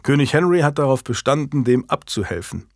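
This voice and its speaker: A man voicing a calm, generous medieval lord who speaks earnestly in an audiobook. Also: medium pitch, a little fast, no room sound, studio quality.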